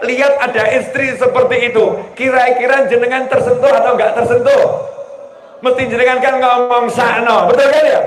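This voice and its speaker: High-voiced preacher, echoey room. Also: male voice. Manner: lively, teasing, asks the audience questions. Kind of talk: sermon to a women's audience. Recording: echoey room with faint ambience.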